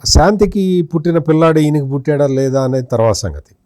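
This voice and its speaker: Accusing man, fairly high mellow voice. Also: lively intonation, brisk, no echo, studio quality. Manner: accusing, rhetorical questions aimed at an absent politician. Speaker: senior journalist guest. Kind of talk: political commentary in an interview.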